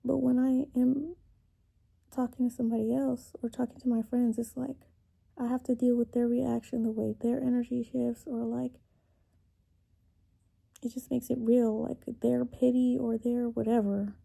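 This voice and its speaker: Tearful, husky young woman, very muted tone. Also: a little high, little pitch movement, mellow. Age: 20s. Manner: halting, emotional, with long pauses and trailing off. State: emotionally upset, tearful. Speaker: vlogger. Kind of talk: confessional personal vent to camera.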